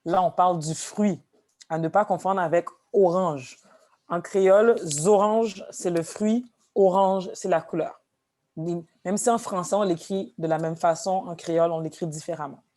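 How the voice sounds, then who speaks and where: A woman teaching a language class, explaining slowly with repeated examples. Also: fairly low pitch, fairly even intonation, a little mellow. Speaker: Haitian Creole teacher.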